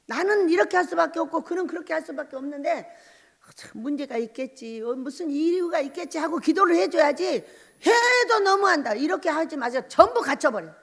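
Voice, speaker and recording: Woman pastor, middle-aged, high voice, emphatic sermon, long hall reverb. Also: lively intonation, fairly quick. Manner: emphatic preaching, full of rhetorical questions. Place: church sanctuary at a mountain prayer retreat.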